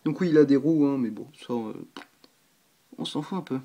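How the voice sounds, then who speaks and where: A man's voice: medium pitch, normal speed, dark tone, muffled recording. Chatty hesitant man showing his models. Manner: hesitant and chatty, frequent 'euh', 'hop' and 'voilà' while handling pieces; self-deprecating asides and apologies. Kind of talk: casual show-and-tell vlog.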